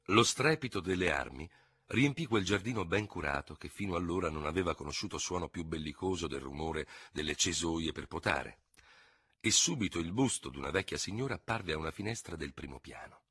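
A man narrating a novel in a dramatic, expressive reading style. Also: low voice, a little fast, slightly rough, no room sound, clean studio sound. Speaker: audiobook reader.

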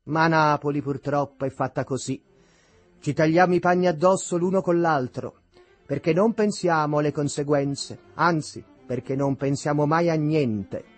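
A man's voice: mid-range voice, takes it slowly, mellow, slightly rough, faint music behind. A man voicing a bitter, indignant middle-aged seamstress.

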